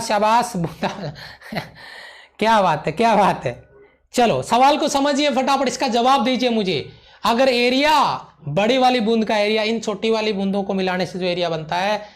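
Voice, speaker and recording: A man leads a live online physics lecture in a fairly high voice. He is emphatic, repeats his key lines several times, and keeps checking that students follow while praising them warmly. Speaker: physics teacher.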